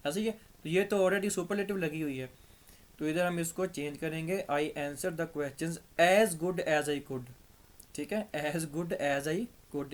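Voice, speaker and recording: Pakistani man, teacher, patiently walks through examples, throat a bit dry, voice sits high. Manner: patient, step-by-step explaining, repeats examples. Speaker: English teacher. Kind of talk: grammar lesson.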